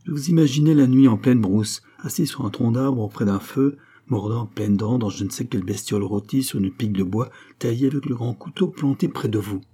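A man's voice: medium pitch, fairly quick, hardly any pauses, warm tone, husky, natural voice. A man reading an audiobook and voicing a flirtatious, elegant blonde woman with an accent in a playful, teasing, lightly raised voice. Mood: amused.

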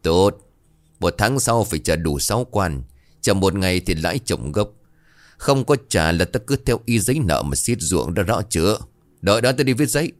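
A man's voice: low voice, animated, moderate pace. A man voicing a greedy, harsh old village money-lender who talks down to the poor in a scornful, threatening way. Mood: domineering.

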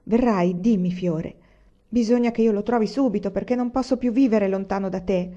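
A woman's voice: medium pitch, moderate pace, warm tone, close to an everyday voice. A woman reading the part of a young man in love, pleading tenderly in a storybook. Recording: slightly dull lo-fi recording.

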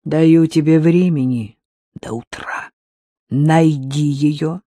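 A man reading the part of a cold, scheming female crime boss who speaks in a measured, menacing way. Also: on the high side, fairly even intonation, warm tone, dry recording, clean studio sound.

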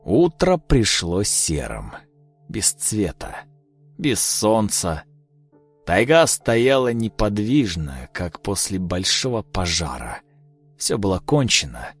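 A man narrating an audiobook in a measured, dramatic storytelling manner. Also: fairly low pitch, very animated, husky, faint music behind.

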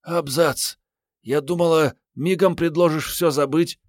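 A man's voice: a little high, fairly even intonation, a little slow, dry recording, studio quality, voice pushed up, natural voice. A man voicing a brash, sassy young woman in an audiobook, with mocking, coarse banter. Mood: teasing.

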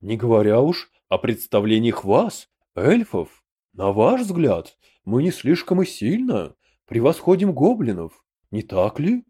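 A man's voice: medium pitch, wildly swooping pitch, measured pace, warm tone, breathy edge, full character voice. A stately emperor, voiced by a male narrator. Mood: dignified. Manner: stately, speaks of himself as "we". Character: grand portly human emperor, calm and principled.

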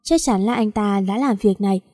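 A woman's voice: medium pitch, fairly quick, mellow. A woman narrating a story aloud and reading every character's part in one voice. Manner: reads all characters in one voice.

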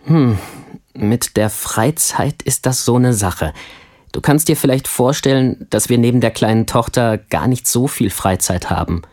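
A friendly young family man in a language course, played by a man answers his classmate's questions in a scripted textbook dialogue. His voice is mid-pitched, and his delivery is calm and clear. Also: unhurried, lightly acted. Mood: friendly, relaxed.

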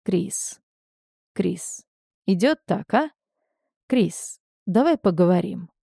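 A woman voicing a cynical, hard-bitten ex-convict man who speaks low and coaxing, then turns harsh, in an audiobook. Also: expressive, slow, vocal fry, dark tone, husky, no echo, clean studio sound, heavily acted. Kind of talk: audiobook character reading.

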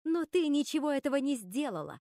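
A woman's voice: sits high, big pitch swings, brisk, mellow, no room sound, studio quality, voice pushed up. Woman doing a stern, scornful elder witch. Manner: commanding, cold.

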